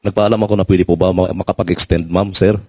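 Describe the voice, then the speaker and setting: Low-voiced ex-soldier man, earnest and quick, dry close mic. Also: level tone, darkish tone, no echo. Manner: earnest, pleading, polite. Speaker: former soldier. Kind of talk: personal testimony in a panel.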